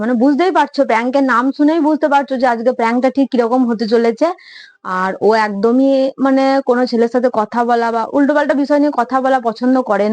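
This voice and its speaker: A young woman prank vlogger talking casually and rapidly to her viewers from home. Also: fairly high pitch, no room sound. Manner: chatty, rapid, addresses viewers directly. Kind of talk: casual vlog talk to viewers.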